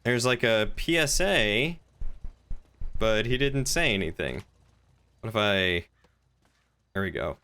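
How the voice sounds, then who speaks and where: During a game roleplay livestream, a man chats casually in a crisp, forward voice with a bright edge and ordinary pitch. He rambles, thinking aloud and reading chat messages, sounding animated but moving slowly with long pauses.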